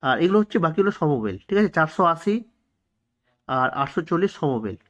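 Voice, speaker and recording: A man with a Bengali accent runs through exam quiz answers in a rather high voice, repeating each key fact so it sticks. The recording sounds dull and lo-fi. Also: sing-song, fairly quick, fairly bright tone. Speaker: quiz teacher. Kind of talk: exam-prep science lesson.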